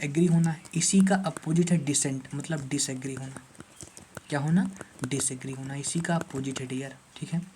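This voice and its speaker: A man's voice: fairly high pitch, warm tone, slightly rough. A male English teacher giving an online exam-prep lecture, who repeats key words and keeps asking the class rhetorical questions.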